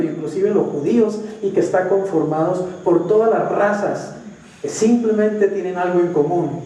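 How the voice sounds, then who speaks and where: A man's voice: sits high, warm tone, slight background noise. A male pastor preaching a sermon, emphatic and stretching out key phrases. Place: church hall. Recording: echoey church hall from far off.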